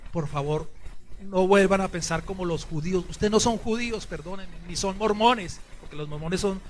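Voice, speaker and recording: A man preaching a sermon as a priest, swinging from hushed to loud. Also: high-pitched, moderate pace. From Colombia. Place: church.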